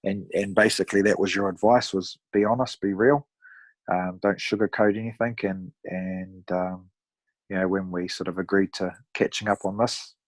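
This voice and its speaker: A man in his thirties with a broad New Zealand accent, chatting casually as a podcast guest in a laid-back, matey, rough-around-the-edges way. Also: low voice, dry recording. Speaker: podcast guest, amateur endurance athlete. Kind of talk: casual conversational storytelling.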